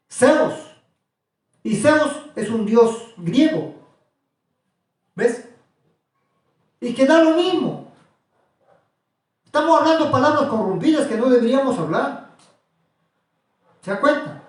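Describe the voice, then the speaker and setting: A man teaching a small group about religion, asking questions again and again in an insistent way. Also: extremely high pitch. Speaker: preacher. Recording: echoey room, voice from far off.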